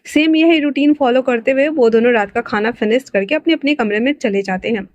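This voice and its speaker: Woman storyteller, chatty, colloquial, fan-fiction narration, higher pitch, dry close sound. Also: fairly quick, a little mellow, no echo, muffled recording. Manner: chatty, colloquial, mixing English words.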